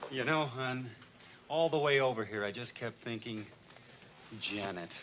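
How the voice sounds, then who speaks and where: A man's voice: mid-range voice, close to an everyday voice. An actor playing a smug, smarmy womanizing old school friend, on a noisy old TV soundtrack. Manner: smooth, slow, smarmy.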